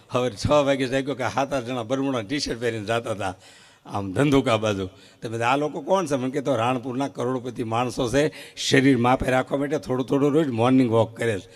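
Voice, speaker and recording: A man doing live comic storytelling at a folk stage show, acting out short quoted exchanges with lively timing. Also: mid-range voice, brisk. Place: live outdoor stage event before an audience.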